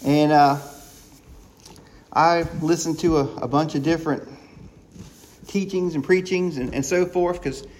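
Excited man preaching with a higher voice. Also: a little hiss or hum. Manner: excited, talking fast with many restarts. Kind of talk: sermon.

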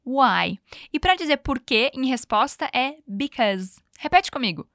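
Brief: higher-voiced woman, podcast English teacher, patient drill pacing, dry close sound. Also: very animated, fairly bright tone, dry recording. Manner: patient, coaching, slows down for model phrases. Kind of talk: podcast language lesson.

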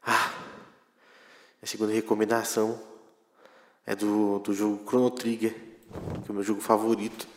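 A young man is heard over a phone set on speakerphone. He talks in slangy, breathless bursts, low and monotone, as if hiding. The call sounds roomy with a long reverb trailing each phrase. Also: moderate pace, long pauses. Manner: slangy, breathless, playing at being chased and hiding. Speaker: podcast regular calling in. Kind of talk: casual chat.

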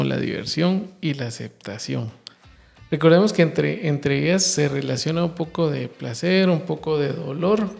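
Male co-host of a faith talk show, rough gravelly voice, talks in lists over soft music. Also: fairly high pitch. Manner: explains with lists and asks "¿verdad?".

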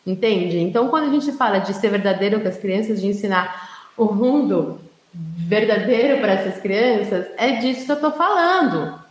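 A woman's voice: medium pitch, animated, moderate pace. Brazilian woman teaching, echoey room. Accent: Brazilian Portuguese. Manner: explanatory, leans on tag questions like "né?" and "sabe?". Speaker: early childhood educator. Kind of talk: informal teaching talk to an audience. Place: her home office.

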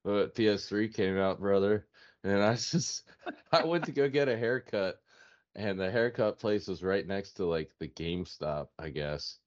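Low-voiced man in his thirties, jokey and laughing, casual podcast banter on a muffled lo-fi mic. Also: animated, unhurried. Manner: laughing, jokey, self-mocking. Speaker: podcast co-host. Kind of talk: casual chat.

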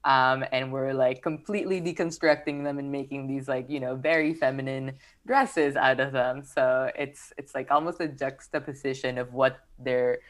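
A woman's voice: rumbling low, normal speed, few pauses. A young woman from Peru, a fashion brand founder, chatting casually in an interview with lots of "like" and "um". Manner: relaxed, filler-heavy, lots of "like" and "um".

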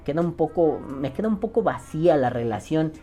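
A Mexican-accented woman with a low, warm voice hosts a podcast and reads out listener comments. She swears freely and jokes around in heavy slang, and her pitch swings lively up and down. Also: brisk, faint music behind. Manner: profane, slangy, joking. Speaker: podcast host.

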